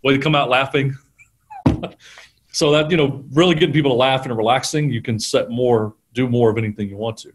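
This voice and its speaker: A middle-aged man, a guest on an interview show, telling animated stories about selling and laughing often. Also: mid-range voice, brisk, noisy background. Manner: animated storyteller, acts out quotes, laughs often. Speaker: guest, sales trainer. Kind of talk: conversational storytelling interview.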